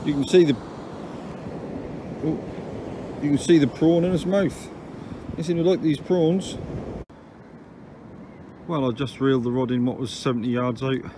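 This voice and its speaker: A down-to-earth man talks his way through a day's beach fishing in a plain, middling voice, chatty and matter-of-fact. It is recorded outdoors on a handheld phone, with steady surf and wind rolling in behind him. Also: mid-range voice, a little slow, long pauses. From England. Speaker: angler filming his own fishing trip. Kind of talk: casual running commentary to camera. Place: open beach by the sea, outdoors. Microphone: phone camera held by the speaker.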